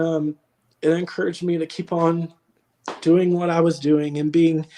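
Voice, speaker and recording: A young adult man talking as a guest on a video call, telling a personal story in an earnest, reflective way with many hesitant pauses. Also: fairly high pitch, mellow. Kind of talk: casual chat.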